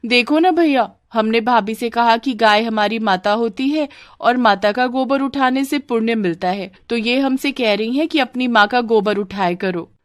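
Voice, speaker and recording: A woman's voice: a little high, normal speed, few pauses, dry recording, clean studio sound, pitched above the performer's own voice, natural voice. Tattling young cartoon girl, voiced by a woman. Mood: whiny. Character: young unmarried daughter, tattling sister-in-law.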